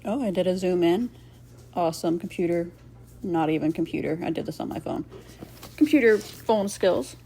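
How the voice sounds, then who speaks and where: A woman's voice: lowish voice, fairly quick, warm tone. A woman giving casual, rambling craft voice-over commentary as host, playfully sarcastic and self-deprecating.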